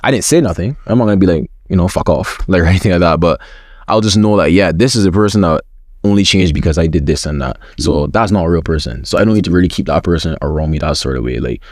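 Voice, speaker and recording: Fast and low-voiced, a young man from a school system with forms chats candidly as an interview guest in a casual conversation, his speech slangy and full of repeated words. The sound is clean studio audio with no room sound.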